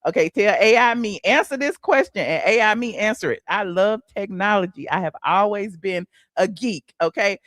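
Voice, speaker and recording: A woman's voice: mid-range voice, moderate pace, few pauses, a bit bright, no echo, studio quality. A woman with an Atlanta accent hosting a casual live stream, sassy and chatty, full of fillers and asides. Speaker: host.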